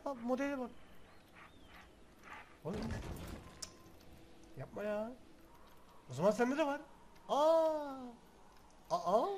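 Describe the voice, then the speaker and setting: A young man chatters through his game session with a high, bouncing voice. He scolds and teases the things on screen and jumps into sudden shouts. Faint hiss sits under the recording. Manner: excitable, talks to game objects, mock threats and shouts. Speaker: gaming video host. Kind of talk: casual let's-play commentary.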